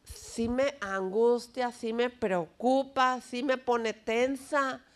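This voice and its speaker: A woman pastor preaching in church, teaching slowly and emphatically and asking the congregation questions. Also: a little high, fairly even intonation. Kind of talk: sermon.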